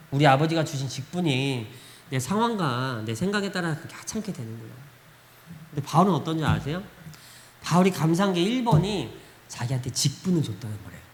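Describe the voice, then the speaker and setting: A man preaching a Sunday sermon as pastor, telling stories in an animated way and punching words with sudden loud emphasis. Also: medium pitch, a little hiss or hum. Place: church sanctuary. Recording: echoey church hall.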